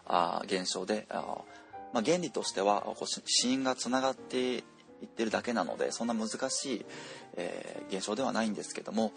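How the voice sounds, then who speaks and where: A man teaching pronunciation, explaining slowly with many drawn-out fillers and repeating example words aloud. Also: lowish voice, gravelly, faint music behind. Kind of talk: explanatory lesson, casual spoken.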